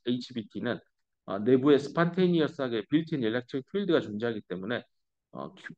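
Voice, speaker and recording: A man's voice: mid-range voice, a little mellow. A middle-aged male professor giving a lecture, explaining step by step and mixing English technical terms into casual asides. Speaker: university professor. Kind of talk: recorded lecture. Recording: dull lo-fi classroom recording.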